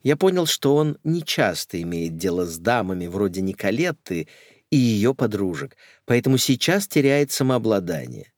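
A man's voice: on the low side, dry recording, studio quality. A man narrating a first-person comic audiobook in a wry, ironic storytelling manner.

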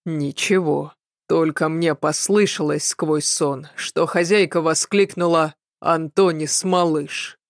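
A woman voicing a sly young male apprentice in an audiobook, speaking in a slow, measured, guarded way. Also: low-pitched, steady tone, no echo, studio quality. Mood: wary.

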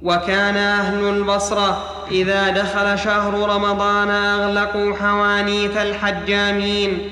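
In a lesson, a male student formally recites a classical religious text aloud, repeating phrases whenever he's corrected. His voice is high-pitched, sharp, and monotone at a normal speed. Soft music plays behind him in an echoey hall with long reverb.

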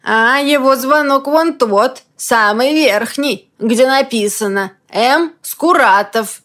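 A woman putting on a hoarse boozy neighbor man. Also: high-pitched, slow, fairly bright tone, voice pushed up. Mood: gruff. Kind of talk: audiobook reading.

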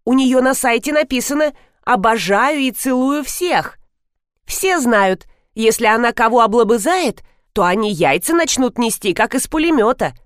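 A woman's voice: a little high, animated, normal speed, no echo, clean studio sound, pitched above the performer's own voice, natural voice. A woman voicing a flustered young female event organizer who chatters shrilly and pleads, in an audiobook reading. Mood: chirpy bossy.

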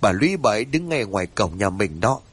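A man's voice: fairly low pitch, very animated, a little fast, breathy edge, pitched below the performer's own voice. A man voicing a frightened middle-aged village chief who stammers as he insists he saw someone at his gate. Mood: shaken. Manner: stammering, hesitant.

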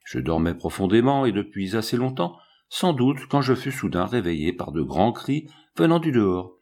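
A man reading an audiobook aloud in an expressive storytelling manner, with a husky voice. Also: lowish voice, normal speed. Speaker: audiobook reader. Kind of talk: audiobook narration.

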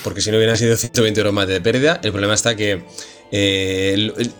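Fast-talking low-voiced ranting man. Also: steady tone, fairly bright tone, faint music behind. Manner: profane, ranting. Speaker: longtime podcast regular. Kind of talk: casual podcast banter.

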